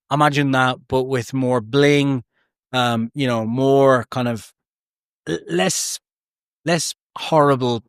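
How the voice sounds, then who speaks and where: A man's voice: medium pitch, no echo, clean studio sound. A man hosting a podcast, narrating a true story with chatty, jokey asides that often break off mid-thought. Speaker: podcast host.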